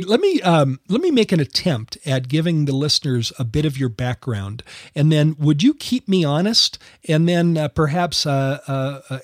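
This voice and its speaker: A man's voice: a little high, no echo, clean studio sound. An American man hosting an interview show, casually chatty and rambling, with many filler words and restarts. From United States. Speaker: podcast host.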